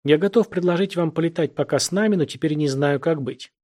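A man's voice: a little high, fairly quick, dark tone, voice pushed up, natural voice. A young spaceship captain, easygoing and a little bemused, as a male narrator plays him, speaking in a lifted, lighter voice. Sci-fi audiobook character. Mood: thoughtful.

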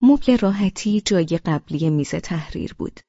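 A woman narrating a novel in the first person, with expressive storytelling. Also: on the low side, no echo, highs cut off. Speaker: audiobook narrator.

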